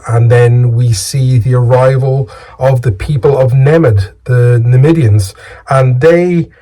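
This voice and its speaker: An Irish man with a dark, relaxed voice and a husky edge. He tells stories casually, as if chatting to his viewers, in an informal storyteller's style. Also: mid-range voice. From Ireland. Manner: casual, conversational, lightly sweary. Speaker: storyteller and video host.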